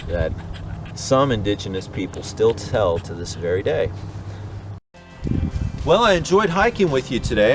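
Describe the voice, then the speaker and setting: Male park ranger, gentle storyteller, mid-range voice, recorded outside. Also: mid-range voice. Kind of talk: guided nature hike talk. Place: outdoors in the woods.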